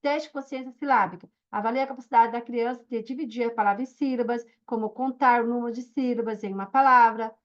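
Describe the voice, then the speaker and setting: A woman's voice: a little high, fairly even intonation, quick pace, few pauses, dull audio. A woman teaching a recorded online course, explaining step by step and often checking in with her listeners. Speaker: course instructor.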